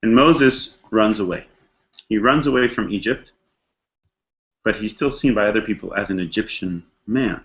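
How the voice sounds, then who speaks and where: In this muffled-top recording, with the highs cut off, a man with a fairly low, fairly bright voice speaks at a moderate pace. He's a rabbi teaching a text study class, walking through scripture conversationally, reflecting on the story and posing rhetorical questions. He voices the characters' inner thoughts using casual modern slang.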